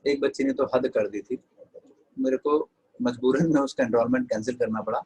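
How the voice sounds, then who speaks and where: A man's voice: mid-range voice, fairly even intonation, normal speed, a little mellow, slightly rough, rough recording. An Indian man teaching an online English class, mixing Hindi with English and dictating notes to his students.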